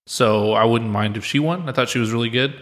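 A man's voice: medium pitch, brisk, a bit bright. A man hosting a casual film podcast chat, sounding like he is recording in an empty room. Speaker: podcast host.

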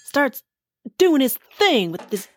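A woman's voice: sits high, sing-song, slow pace, dry recording, soft background music, heavily acted. A woman playing a friendly, talkative ball ornament in a children's audio drama, telling tales matter-of-factly. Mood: eager storytelling. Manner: chatty, matter-of-fact storytelling. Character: chatty, friendly female Christmas ball ornament, newcomer.

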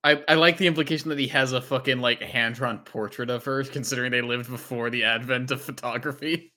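A man with a bright, sharp voice plays a tabletop game. He teases the others and laughs often. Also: medium pitch, fairly even intonation, a little fast. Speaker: player. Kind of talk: casual tabletop role-play.

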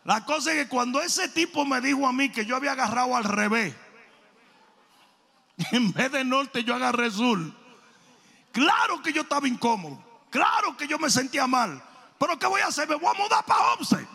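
A man preaching a sermon, telling stories animatedly, shouting for emphasis and repeating phrases. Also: very high-pitched, big pitch swings, moderate pace, gravelly, husky. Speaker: pastor. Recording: long reverb of a large hall.

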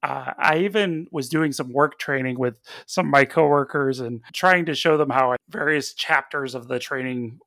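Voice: mid-range voice, normal speed, few pauses, fairly bright tone, no room sound, studio quality. A podcast co-host chatting enthusiastically, often restarting sentences and laughing. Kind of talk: casual chat.

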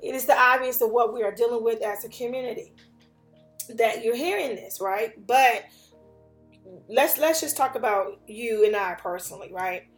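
A woman's voice: fairly high pitch, moderate pace. Woman, podcast host, earnest, emphatic, repetitive, echoey room. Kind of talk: motivational podcast talk. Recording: echoey room with faint music.

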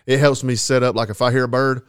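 A man's voice: medium pitch, level tone, fast talker, clear, resonant tone, dry recording. Male podcast host, folksy and conversational, very dry close sound. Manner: folksy, colloquial storytelling. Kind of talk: casual chat, hunting storytelling.

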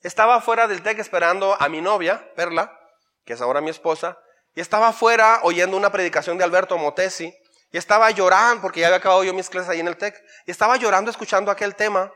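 Mexican pastor guy preaching, high voice, goes loud then soft, restarts words a lot. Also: quick pace. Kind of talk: sermon.

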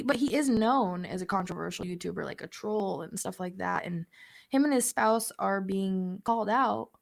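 Slightly stuffy with a cold, this podcast co-host chats casually and laughs between her points. She speaks at a medium pitch with a creaky voice.

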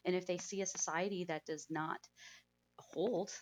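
A woman's voice: on the low side, fairly even intonation, normal speed. A woman hosting a discussion in a casual, informal way, often checking in with short tag questions. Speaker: host.

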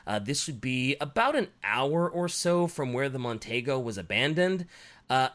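A man's voice: mid-range voice, fairly bright tone. A man casually retelling a true-crime case on a podcast, swearing, restarting his lines, and slipping into a southern drawl for quotes.

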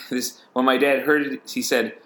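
A man hosting a laid-back football podcast, talking in a loose, rambling way. He stops often to say um and start his sentences over. His voice sits at an ordinary middle pitch. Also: little pitch movement, moderate pace, sharp tone. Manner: rambling, frequent ums and restarts. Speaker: podcast host. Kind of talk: casual chat.

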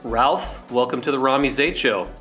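A man's voice: medium pitch, normal speed, bright, forceful tone, faint music behind. A man hosting an interview podcast, introducing his guest and steering the chat with friendly questions. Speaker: podcast host.

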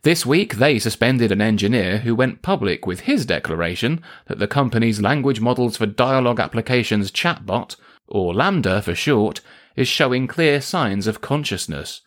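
A man's voice: medium pitch, lively intonation, normal speed. A man presenting satirical news as anchor, dry and exasperated with his guests.

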